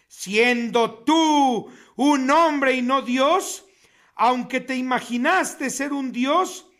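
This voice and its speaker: A man preaching a sermon on the radio, reading scripture in a slow, emphatic, declamatory way. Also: very high-pitched, fairly bright tone. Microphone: radio studio mic.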